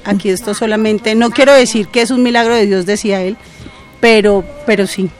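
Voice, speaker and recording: An older Colombian woman with a Colombian accent, a radio listener telling her story in a lively, animated way. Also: mid-range voice, a little fast, soft background music. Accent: Colombian Spanish. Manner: animated testimony. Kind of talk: casual on-air chat.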